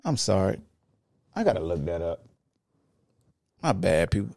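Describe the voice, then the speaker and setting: A man hosting a sports podcast, sounding muffled as his microphone is covered and he mutters quietly to himself. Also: deep voice, sing-song, a little slow, creaky, no echo, clean studio sound. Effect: muffled, mic covered. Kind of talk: casual sports talk. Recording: muffled and faint, from off the mic.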